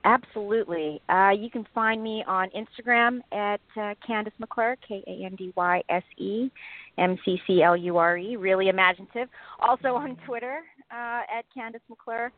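A woman's voice: medium pitch, normal speed, no room sound. A woman guest from Africa, chatting and laughing easily in an interview. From South Africa. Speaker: actress guest. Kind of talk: casual interview. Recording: dry tinny phone line.

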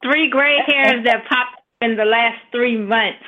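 A woman's voice: fairly high pitch, slow. Woman radio show caller on a tinny phone line. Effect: call-in voice over a phone line. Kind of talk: casual chat.

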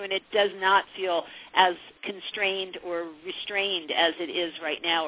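A woman hosts a live advice phone-in. Her voice sits fairly low and she talks in a reflective, hesitant way, often repeating phrases. The audio is narrow and telephone-like. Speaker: psychic advice radio host. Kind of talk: conversational live call-in advice. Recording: narrow phone-like radio sound.

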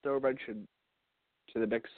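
In a loose, meandering sign-off to his baseball podcast, the host chuckles, repeats words, and stumbles, sounding slightly congested. He keeps a steady tone in a mid-range voice at normal speed. The audio is echo-free, dry, and tinny, as if over a phone.

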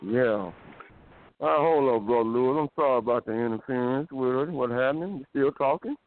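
A man's voice: medium pitch, normal speed, faint music behind. A man calling in to a radio show over a bad phone connection with interference, chatting casually from a car repair shop and repeating "you know what I'm saying". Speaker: caller. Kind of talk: casual radio call-in chat. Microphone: telephone. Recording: tinny phone line.

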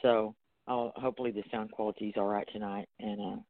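Lowish male podcast host, thin phone-like sound. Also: flat delivery, fairly quick, no echo. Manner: informal, often tags sentences with "you know". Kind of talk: casual, rambling chat.

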